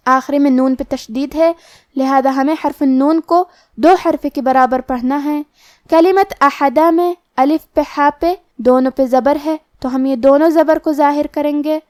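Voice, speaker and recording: A woman teaching the rules of Quran recitation in a scripted lesson, explaining each rule step by step and reciting the words slowly. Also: high-pitched, steady tone, a little mellow, dry recording, studio quality.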